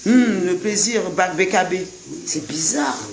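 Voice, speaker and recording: A man's voice: sits high, animated, a little slow, slight background noise. A man from Guadeloupe giving an impassioned monologue, repeating his points and talking straight to the listener. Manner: repetitive, rhetorical, addresses the listener directly.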